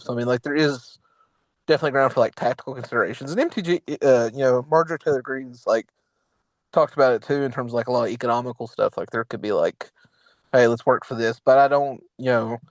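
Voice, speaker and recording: A man's voice: mid-range voice, no room sound, poor audio. A young man co-hosting a casual political podcast, rambling with lots of fillers and restarts. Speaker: podcast co-host.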